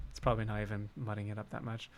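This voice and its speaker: A fairly low-pitched, slightly mellow male voice belongs to a composer hosting a livestream on game music. He chats informally while working through his thoughts aloud and humming short melodic phrases.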